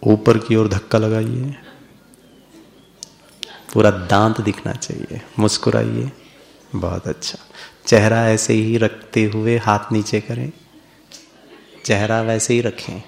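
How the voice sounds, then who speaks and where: A man's voice: on the low side, little pitch movement, slow, gravelly, long pauses. A man giving a playful spiritual lecture to a live audience, coaxing them through a smiling exercise. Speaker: spiritual speaker.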